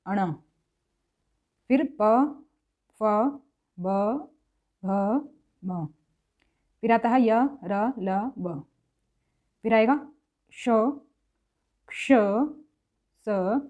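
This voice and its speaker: A muffled recording of a woman's fairly high, warm voice giving a classroom-style grammar lesson. With patience, she spells out each sound individually and repeats it slowly to show the pronunciation.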